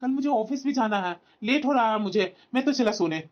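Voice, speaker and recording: A woman's voice: on the high side, animated, brisk, muffled recording, lightly acted. A woman voicing a young husband in a cartoon who brushes off his wife's worries. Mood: dismissive. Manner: dismissive, brushing off. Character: young husband, dismissive and tired. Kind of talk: cartoon voice acting.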